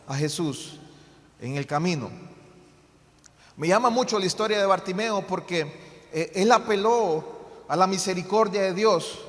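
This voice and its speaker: A man's voice: sits high, fairly bright tone. A man preaching a sermon as pastor, with many hesitant fillers, lifting his voice to fervent cries when he quotes pleas from scripture. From Honduras. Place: church hall. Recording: long hall reverb.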